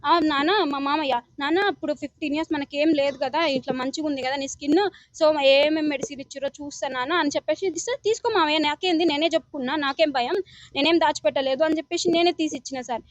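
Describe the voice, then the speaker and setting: A young woman complainant, high-voiced and fast-talking, pleads urgently in emotional testimony to a news reporter, repeatedly saying sir. The recording sounds muffled, with no room sound.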